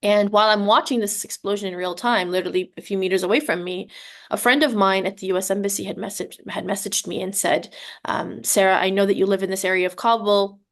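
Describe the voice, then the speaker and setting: A woman's voice: mid-range voice, steady tone, quick pace. A woman, a tech company CEO, giving a conversational personal account on a webinar video call, with many ums and restarts. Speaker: tech CEO, panel guest.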